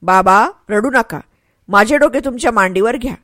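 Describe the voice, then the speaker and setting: A woman's voice: fairly high pitch, moderate pace, sharp tone, dry recording, studio quality. A woman voicing a brave young male warrior, a dying son who speaks earnestly and pleads tenderly. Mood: pleading.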